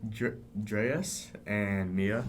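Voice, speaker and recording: A young adult man talking casually as a podcast guest, relaxed and hesitant with lots of fillers. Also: on the low side, drawn-out words, a little hiss or hum. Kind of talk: casual chat.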